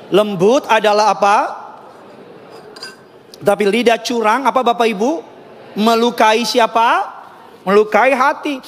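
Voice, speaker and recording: Batak pastor guy preaching, highish voice, big echoey church hall. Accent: Batak Indonesian. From North Sumatra (Batak). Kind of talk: sermon. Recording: long hall reverb.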